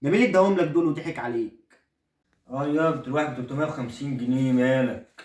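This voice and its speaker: A man's voice: medium pitch, very fast, a little mellow, lightly acted. A man with an Egyptian accent playing a stingy, boastful middle-aged father in a comedy sketch, coaxing and insisting on a bargain. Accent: Egyptian Arabic. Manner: boastful, coaxing, keeps saying look. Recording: roomy echo, voice far from the mic.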